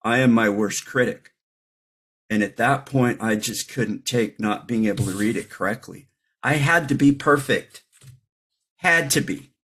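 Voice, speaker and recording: Man, middle-aged, husky voice, reflective, candid, wry humor, recovery meeting share. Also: mid-range voice, measured pace, fairly bright tone.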